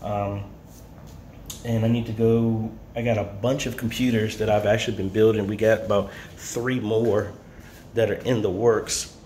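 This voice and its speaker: A man with a fairly low voice chats casually to his vlog through a face mask. The room is echoey, with faint noise behind him. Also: flat delivery, moderate pace, dark tone. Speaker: vlogger who installs church streaming gear. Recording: roomy echo, faint background noise.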